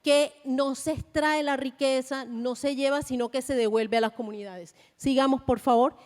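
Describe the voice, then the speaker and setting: A Colombian woman speaking at a conference panel, measured and deliberate with frequent hesitations. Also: high voice, fairly even intonation. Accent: Colombian Spanish. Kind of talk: conference presentation. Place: large conference hall. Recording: long hall reverb.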